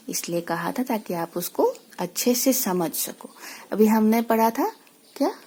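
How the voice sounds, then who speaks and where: A woman teacher speaks slowly to young pupils. Her pitch moves a lot as she explains. Her voice is husky, with a gravelly edge. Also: warm tone. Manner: slow, patient explaining with many rhetorical questions. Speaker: school teacher. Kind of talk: recorded lesson for young children.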